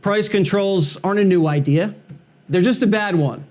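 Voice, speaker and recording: Sarcastic high-voiced man in political monologue. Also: moderate pace, darkish tone. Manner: sarcastic, mocking, punchy. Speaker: television political commentator. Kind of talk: scripted satirical monologue.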